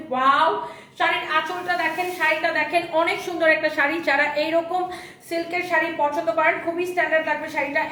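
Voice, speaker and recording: High bright woman with a sore throat rattling off prices on a live sale stream, echoey room. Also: far from the mic, slight background noise. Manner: fast repetitive sales pitch, repeats prices. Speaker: online clothing seller.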